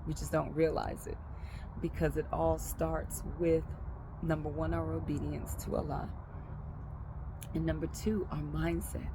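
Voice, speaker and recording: Slow gravelly woman, traffic noise. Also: low-pitched, little pitch movement. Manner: slow, thoughtful, pausing with frequent ums. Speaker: speaker sharing a religious reflection. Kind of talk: reflective spoken talk.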